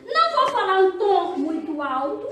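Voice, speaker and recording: A woman's voice: very high voice, sing-song, moderate pace, heavy background noise. A Brazilian woman pastor leading a women's church seminar, chatty and teasing, often asking her listeners questions. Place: church hall. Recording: echoey hall, distant mic.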